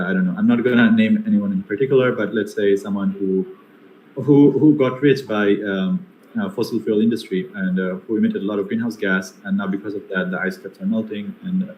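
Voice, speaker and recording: A young man from Bangladesh, guest speaking at an online seminar Q&A, replies in a Bangladeshi accent with frequent fillers and restarts. His voice is lowish with a darkish tone, and the recording picks up echo and a little faint noise.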